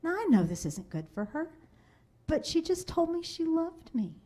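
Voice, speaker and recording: A woman's voice: very high voice, sing-song, normal speed, dark tone. A woman sales trainer speaking to a seminar audience in a room, telling stories and acting out family voices. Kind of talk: seminar talk to a live audience.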